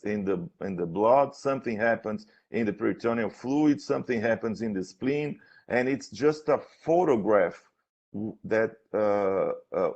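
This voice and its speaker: Halting, creaky-voiced man, slow academic questioner. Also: fairly low pitch, a little mellow. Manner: halting, hesitant, repeats words while searching for phrasing. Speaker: thesis defense examiner. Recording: dull, lo-fi sound.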